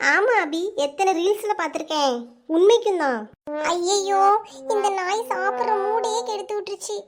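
A woman's voice: extremely high pitch, unhurried, slight background noise. A woman voicing a teasing know-it-all grandmother with a southern Tamil Nadu accent, rattling off details with relish.

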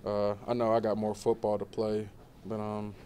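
Laid-back young man, low flat voice. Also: moderate pace, slight background noise. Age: 20s. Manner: laid-back, many fillers, relaxed. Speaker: college football player. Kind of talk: postgame press interview. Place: indoor media room before a banner.

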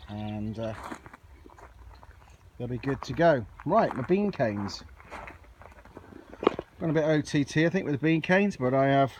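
Out on an allotment, a man films an off-the-cuff tour for his amateur gardening vlog, chatting casually into a handheld camera or phone. His mid-range voice has a slightly mellow quality, and the recording carries obvious outdoor noise.

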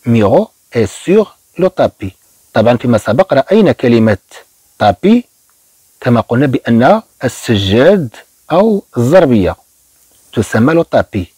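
A man with a Moroccan Arabic accent teaching beginner French, slowly and patiently repeating each phrase for learners. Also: medium pitch, sing-song, warm tone, breathy edge, dry recording, rough recording. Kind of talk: beginner language lesson.

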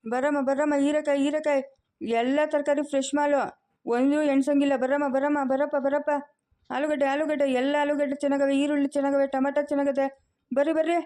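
A woman's voice: high voice, level tone, brisk, dark tone, lightly acted. A woman playing a chatty male vegetable seller calling out his wares in an amateur family skit. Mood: hawking.

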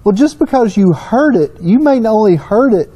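Southern guy telling shop stories at a whiteboard, fairly high voice, warm and mellow. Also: lively intonation, normal speed, husky. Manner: folksy, storytelling. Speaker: engine consultant. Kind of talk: technical whiteboard explanation.

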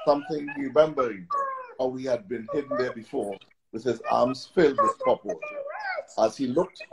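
A man narrating a children's story aloud in a steady, plain way. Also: mid-range voice, heavy background noise.

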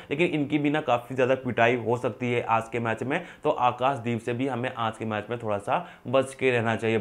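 A young man rattles through a fantasy cricket rundown at a brisk clip, with a mid-range voice. He keeps asking himself quick questions and answering them, gesturing as he goes. It is close and clean on a lapel mic in an indoor studio. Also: medium pitch. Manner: rapid, animated hand gestures, self-asking "who?" then answering. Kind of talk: fast scripted-free stats rundown to camera. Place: indoor studio with printed backdrop. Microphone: lapel mic, medium framing.

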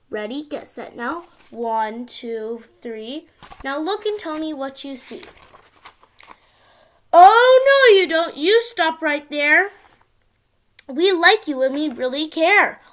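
A young girl with a high, childlike voice reads a picture book aloud to little kids. Her delivery is expressive and sing-song, in the manner of a storytime for small children. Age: child, around ten. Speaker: young video channel host reading a picture book. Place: small indoor room at home.

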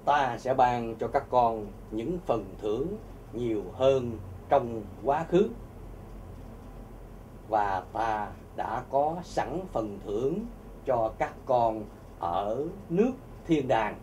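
A man voicing a solemn, commanding male deity who speaks slowly and gravely to his followers. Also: mid-range voice, animated, darkish tone, far from the mic, a little hiss or hum, pitched below the performer's own voice. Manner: slow, grave and measured.

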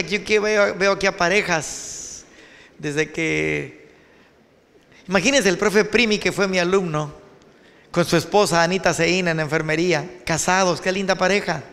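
Animated Mexican pastor preaching to students, high voice, big echoing auditorium. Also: male voice. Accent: Mexican Spanish. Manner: animated, addresses students directly. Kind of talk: sermon.

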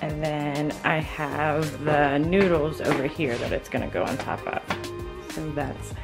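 Casting: low-ish female vlogger voice, casual and chatty, home kitchen, music underneath. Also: measured pace, vocal fry. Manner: chatty, walks viewers through her cooking. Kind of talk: casual vlog narration.

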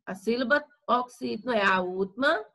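A woman teacher talks her pupils through a lesson, repeating each example with care. Her voice sits high and bright, with a gravelly edge. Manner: slow, careful explanation with repeated examples. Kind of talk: recorded remote Portuguese lesson.

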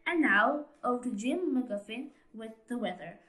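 A woman voicing a formal male TV newsreader in a storybook reading, with a bright, fairly high voice. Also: animated, moderate pace, poor audio. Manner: formal news-bulletin delivery.

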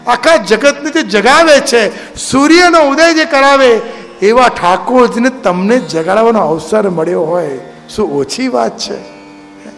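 A man's voice: very high voice, a bit bright. A man giving a devotional discourse, exhorting his listeners with rhetorical questions. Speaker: religious speaker. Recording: reverberant hall with instrumental music.

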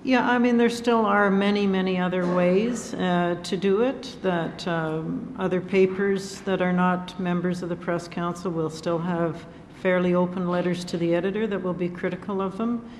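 A woman's voice: lowish voice, fairly even intonation, normal speed, hardly any pauses, slight background noise. A woman journalist on a panel answers firmly and directly, speaking into a table microphone in a large lecture hall. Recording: echoey hall.

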